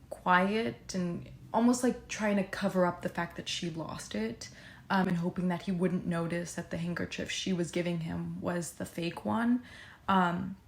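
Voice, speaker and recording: A woman's voice: fairly low pitch, vocal fry, slight background noise. A young woman, a student co-director, casually explaining her scene choices with lots of fillers. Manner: casual, many fillers, flat delivery. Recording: echoey room.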